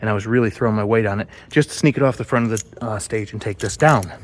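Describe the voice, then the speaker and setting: A man's voice: lowish voice, fast talker. A man narrating a build vlog for theater sets in a rambling, chatty way, explaining his work as he goes. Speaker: set builder. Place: theater stage and workshop.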